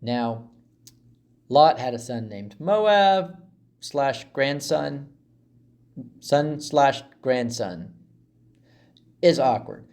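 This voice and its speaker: A man's voice: mid-range voice, lively intonation, extremely slow, pauses often, a little mellow. A man in a mid-range voice explains a Bible passage as a teacher would. He talks casually and chattily, breaking up his sentences with asides and small fillers.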